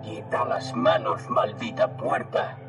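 A cold, emotionless bodyguard, as a male storyteller puts him on, growls through an amplified voice that sounds flat and mechanical. The words come slow and breathy, almost whispered, and they sound set back from the mic. It is a menacing, toneless voice in an audiobook. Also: music in the background. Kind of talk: audiobook narration.

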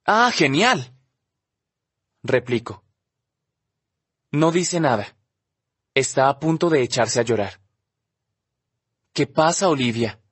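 A man narrates a novel in the first person at a calm, measured pace. His voice sits in a middle pitch. The recording is close and dry, with no room sound. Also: breathy edge, no room sound. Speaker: audiobook narrator.

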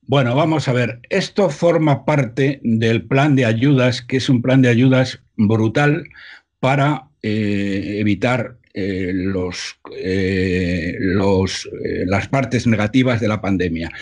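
Husky man, emphatic guest. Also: lowish voice, darkish tone. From Spain. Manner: emphatic, many filler "eh"s, slows down for figures. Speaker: interview guest. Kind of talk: remote interview commentary. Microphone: computer mic on a video call. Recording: hum leaking into computer mic.

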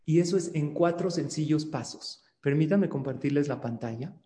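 A man gives a religious class as a rabbi in an animated lecturing manner, often turning to his listeners with questions. His voice sits on the high side yet sounds mellow. The recording carries a roomy echo with a long reverb tail. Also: normal speed. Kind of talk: religious lecture over a video call. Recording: echoey room with long reverb.

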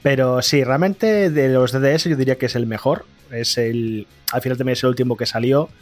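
A man, a podcast co-host giving measured, thoughtful answers in casual chat. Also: mid-range voice, faint music behind.

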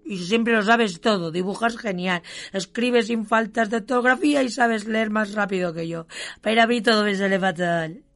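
A woman's voice: mid-range voice, normal speed, a bit bright, soft background music, close to an everyday voice. A woman voicing an upset big monster. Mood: hurt, upset. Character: insecure big male monster, clumsy and sad.

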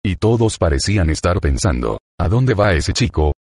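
A man's voice: sits low, very animated, moderate pace, darkish tone, slightly rough, no echo, studio quality. A man reading a first-person book aloud, in a colloquial, swearing storyteller manner. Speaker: audiobook reader.

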